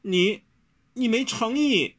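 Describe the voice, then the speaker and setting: A man voicing a playful, teasing young woman in a storybook, with his voice raised high. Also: huge pitch swings, normal speed. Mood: hurt sulking. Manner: teasing, raised falsetto-like pitch. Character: playful teasing young heroine, quick-witted.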